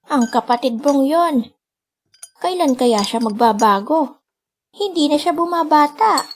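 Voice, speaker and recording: In a dramatic radio play, a woman voices a kind, loving old grandmother who sighs with worry and weariness. Her voice is high-pitched and animated at a measured pace, with music playing behind it.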